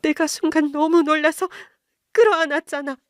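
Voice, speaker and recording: A woman voicing a strong-willed middle-aged wife, insistent and emotional, in a higher voice and a dry recording. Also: steady tone, moderate pace, dry recording, lightly acted. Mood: anguished.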